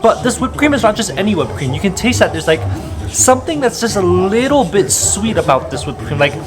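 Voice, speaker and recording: A man's voice: sits high, sing-song, fairly quick, music in the background. A man vlogging a casual food review, rapturous as he tastes, speaking emphatically with repeated intensifiers. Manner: rapturous, savoring food tasting reactions. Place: busy market and eateries.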